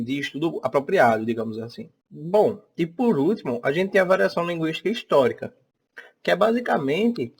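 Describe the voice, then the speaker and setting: A young male teacher with a Northeastern Brazilian accent gives a relaxed online lesson, stopping often to check that his students follow. His voice sits a little higher than most men's. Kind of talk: recorded online class.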